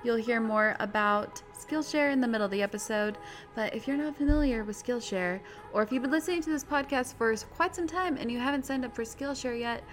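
A woman's voice: on the high side, fairly quick. A woman with a standard American accent, giving a casual, chatty podcast introduction as host, with giggly, self-deprecating asides.

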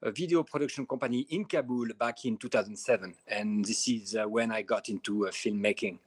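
A French film director with a French accent answers questions as a podcast guest, measured in his replies and pausing often with small fillers. His voice is lowish and slightly rough, with no room sound.

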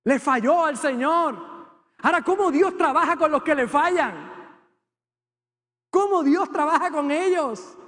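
A man preaching a sermon to his congregation, swinging from fervent appeals to a low, intimate tone. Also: lively intonation, a little slow, long pauses, sharp tone. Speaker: pastor. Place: church sanctuary with congregation. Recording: long hall reverb.

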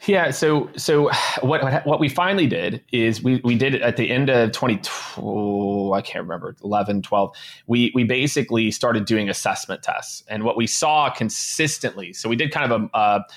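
A man in his late thirties talks as an interview guest, upbeat and casual. His voice sits at an ordinary middle pitch, and he keeps looping back with filler words and restarts as he explains. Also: moderate pace. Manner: casual and upbeat, heavy use of "you know" and restarts. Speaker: guest, sales leader.

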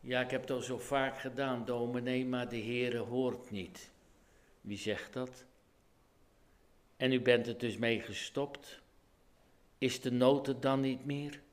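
A Dutch-accented man preaching a sermon as pastor, earnest and pleading, his voice rising to urgent calls. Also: medium pitch.

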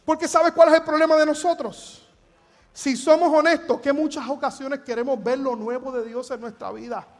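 High-voiced Puerto Rican pastor preaching. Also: male voice, level tone, normal speed. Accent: Puerto Rican Spanish. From Puerto Rico. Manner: earnest, emphatic preaching. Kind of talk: sermon.

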